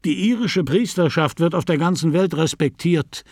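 A man reading a calm, self-assured middle-aged Dublin man who talks with confident authority. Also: on the high side, moderate pace, no room sound, studio quality, pitched above the performer's own voice. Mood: persuading.

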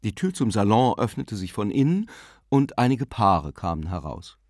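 A man narrating a literary story with an expressive, varied delivery, recorded close on a studio mic. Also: lowish voice, moderate pace, no room sound. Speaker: audiobook narrator. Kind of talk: scripted narration.

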